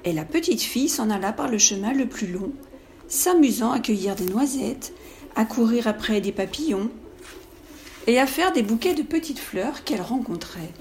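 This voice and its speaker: A woman reading a classic fairy tale aloud in a clear, measured, expressive way. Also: on the high side, slight background noise. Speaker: storyteller.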